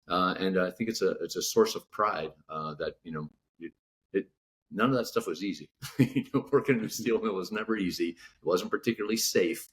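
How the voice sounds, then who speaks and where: A man from California, an author being interviewed in casual podcast talk, speaking haltingly with lots of "you know" fillers and restarts. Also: deep voice, fairly bright tone. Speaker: author guest.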